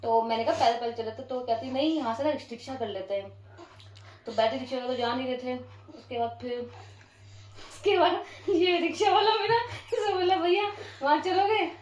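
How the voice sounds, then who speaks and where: A woman's voice: sits high, moderate pace, darkish tone. A woman vlogger from Uttarakhand telling a funny story in casual Hindi, laughing often. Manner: laughing often while retelling. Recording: echoey room, from far off.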